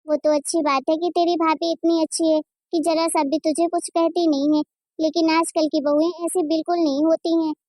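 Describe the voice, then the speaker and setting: A woman doing a shrill lecturing cartoon mother. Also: flat delivery, normal speed, dark tone, dry recording, clean studio sound. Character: scolding, fair-minded middle-aged mother. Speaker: voice actor. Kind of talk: Hindi cartoon voice acting.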